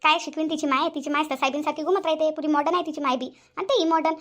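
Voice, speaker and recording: A woman's voice: high voice, steady tone, racing, a bit bright. A woman voicing a bossy, sarcastic older mother-in-law in a cartoon, with a nagging, scolding way of talking. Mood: complaining. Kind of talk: cartoon voice acting.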